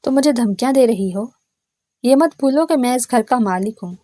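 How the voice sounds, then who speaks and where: A woman's voice: fairly high pitch, animated, mellow, no echo, clean studio sound, natural voice. A woman voicing a stern, brooding young man with a curt, scolding manner. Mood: irritable.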